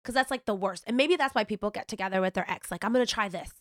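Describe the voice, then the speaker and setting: A woman hosting a podcast, lively and teasing with slangy talk, her voice congested. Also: medium pitch, quick pace, dry recording, clean studio sound. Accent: American. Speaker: podcast host. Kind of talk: casual podcast chat.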